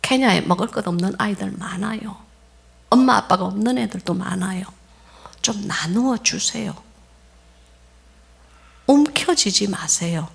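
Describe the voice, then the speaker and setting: A woman pastor preaching a sermon, telling stories in an animated way and acting out the voices of the people in them. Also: medium pitch, unhurried, vocal fry, long pauses, breathy edge. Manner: animated storytelling, laughs often, acts out quoted voices.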